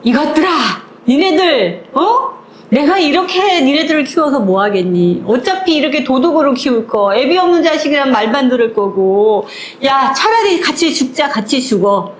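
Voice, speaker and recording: A woman voicing a fierce, tearful single mother who shouts and scolds her children. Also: high voice, animated, normal speed, reverberant, a little hiss or hum. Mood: angry scolding.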